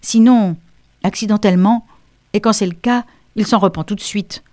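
In an audiobook reading, a woman voices a precocious, self-assured English schoolgirl who speaks primly and articulately. Her voice is medium in pitch and dark in tone, close to an everyday voice, delivered at normal speed in clean studio sound with no room noise.

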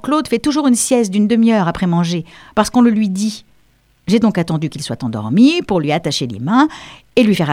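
A self-assured, mischievous English schoolgirl, voiced by a woman reader, who explains herself in prim, well-turned phrases. The delivery is lively and full of melody. The recording is dry and close. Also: medium pitch, no room sound, close to an everyday voice. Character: precocious, cheeky English schoolgirl. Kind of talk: audiobook reading.

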